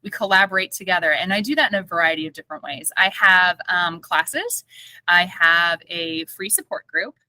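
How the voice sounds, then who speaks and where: Bright-voiced animated woman therapist. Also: on the low side, moderate pace, no room sound, poor audio. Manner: animated storytelling with playful acted-out quotes and laughter. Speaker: guest speech-language pathologist. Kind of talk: casual podcast interview.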